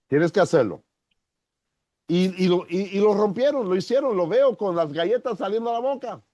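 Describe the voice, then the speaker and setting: A man who is a pastor, teaching an online Bible class slowly and deliberately, acting out little examples as he goes. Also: no room sound, muffled recording. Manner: slow, deliberate teaching with lively pitch and acted-out examples.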